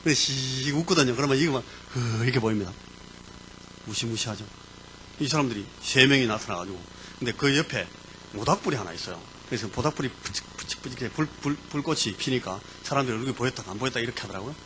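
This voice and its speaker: Male pastor, mid-pitched voice, animated sermon storyteller over faint hiss. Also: quick pace, low-quality recording. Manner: animated storyteller, vivid sound words. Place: church.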